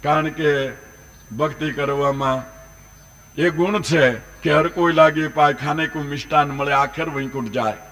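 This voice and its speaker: A man gives a devotional sermon, telling a folk tale with lively, dramatic swings. His voice is bright and forward, and a little higher than most men's. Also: a little slow. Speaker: religious storyteller. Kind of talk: devotional scripture recitation and folk storytelling.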